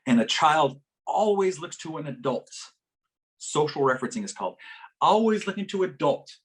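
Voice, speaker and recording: A man presenting a workshop, telling a story in a lively, animated way, acting out voices and laughing as he goes. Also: moderate pace. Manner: animated, acts out quoted voices with big pitch jumps; laughs as he talks. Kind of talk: storytelling talk to a live audience. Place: conference workshop session.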